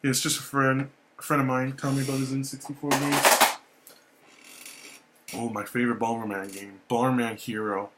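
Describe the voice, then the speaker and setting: Young male vlogger, laid-back and rambling, average pitch, casual swearing. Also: moderate pace, long pauses, noisy background. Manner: relaxed, rambling, repeats himself, swears casually. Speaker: YouTuber showing his game collection. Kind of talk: casual vlog talk.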